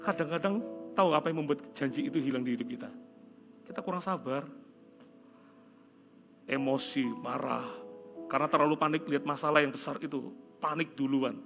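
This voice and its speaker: A middle-aged man from Indonesia preaching a sermon, telling a story earnestly and dropping to soft, prayerful tones. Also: on the high side, normal speed, pauses often. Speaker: pastor. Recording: music playing behind. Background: soft guitar music.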